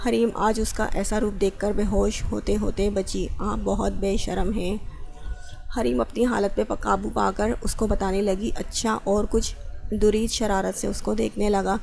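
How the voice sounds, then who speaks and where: Flat, gravelly woman reading a novel. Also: mid-range voice. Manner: reads dialogue of both characters with little change of voice. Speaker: narrator reading an Urdu romance novel.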